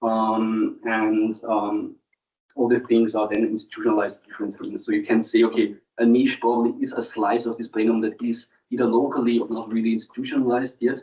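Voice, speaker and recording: A man's voice: fairly low pitch, level tone, warm tone. Distant, hesitant man presenting academic research. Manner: hesitant, halting delivery with frequent ums. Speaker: doctoral candidate presenting thesis defence. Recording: distant mic, dull muffled sound.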